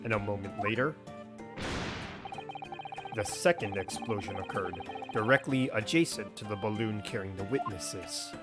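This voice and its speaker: A stern, formal court official, as a man puts on a deep growl who speaks low and deliberately. His measured explanation runs over soft game music. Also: close to an everyday voice. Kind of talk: game dialogue read-along.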